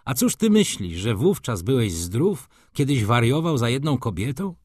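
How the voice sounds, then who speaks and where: A man's voice: mid-range voice, sing-song, moderate pace, darkish tone, husky, dry recording, clean studio sound. A man voicing a cynical middle-aged doctor who teases his friends in a sardonic, expansive way, in an audiobook. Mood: mocking.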